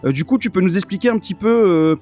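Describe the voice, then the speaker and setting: A male radio host talking in a casual, familiar way and joking with his guest. His voice sits a little high for a man. Faint music runs in the background. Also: expressive, fast, dark tone. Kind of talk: radio interview.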